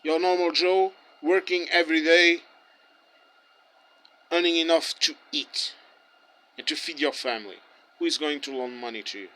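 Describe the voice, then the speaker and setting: A man gives a heated street-interview rant in English, which isn't his first language; he grew up with Portuguese and German. His slightly high voice is bright and forceful, his pace moderate, and he pauses often and keeps restarting.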